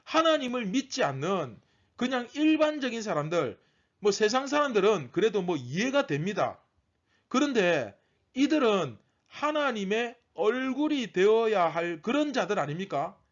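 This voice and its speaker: Male pastor, teaching sermon, keeps asking the room questions, bright and lively pitch. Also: normal speed, muffled recording. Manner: teaching, asks the congregation questions.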